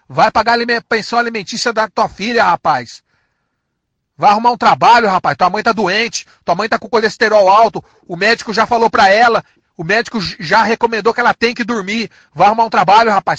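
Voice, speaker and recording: His voice sits high with a fairly bright tone, and the recording has no room sound. This man, from São Paulo, Brazil, speaks with a São Paulo Portuguese accent and delivers an angry rant of insults and threats, repeated over and over and drawn out aggressively.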